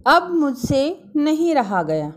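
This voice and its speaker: A woman's voice: sits high, very animated, slow pace. A woman teacher reading a story aloud to her class, acting out the dialogue and then retelling it in simple words. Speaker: school teacher. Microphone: online class recording.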